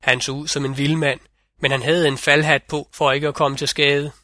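A man's voice: fairly high pitch, flat delivery, bright, forceful tone, no echo, studio quality. A man narrating a fairy tale in an audiobook reading.

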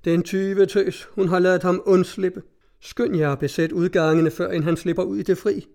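Man putting on a shrill furious old mother. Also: fairly even intonation, creaky, a little mellow. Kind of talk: audiobook reading.

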